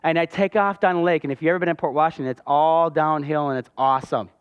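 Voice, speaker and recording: In a church hall, a man with a fairly high, steady, clean voice speaks fast as he shares his testimony from the pulpit. He is a pastor, recounting his story passionately. The audio is dull and carries long reverb from the hall.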